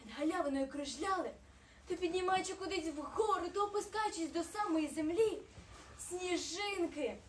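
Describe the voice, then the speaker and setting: Brief: woman narrator for a children's storybook, very high voice, expressive, roomy distant recording. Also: moderate pace, a little hiss or hum. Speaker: actor reading a fairy tale. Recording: roomy, distant mic, faint ambience.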